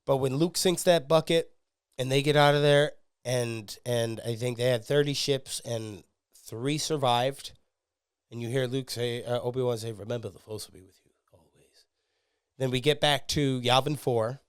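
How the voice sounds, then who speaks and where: A man talks casually and excitedly as a podcast host, swearing freely and leaning on "uh" and "um" between thoughts. His voice is smooth and resonant, recorded dry and close with almost no room sound. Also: mid-range voice, moderate pace, dry recording. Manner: excitable, swearing, frequent fillers. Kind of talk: casual fan commentary.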